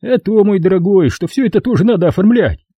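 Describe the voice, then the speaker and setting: A fat, greedy, pompous middle-aged notary from an audiobook, as a male reader puts him on, talking down to people in a shrill, squealing voice. The tone is husky and dark under the raised pitch, and the lines leap up and down. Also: expressive, quick pace, dry recording. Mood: condescending, greedy. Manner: condescending and grasping.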